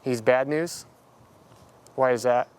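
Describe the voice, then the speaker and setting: A man's voice: medium pitch, takes it slowly, a little mellow, smooth. A man working as a police officer, speaking firmly and matter-of-factly, then recapping to camera. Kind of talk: on-duty talk and recap to camera.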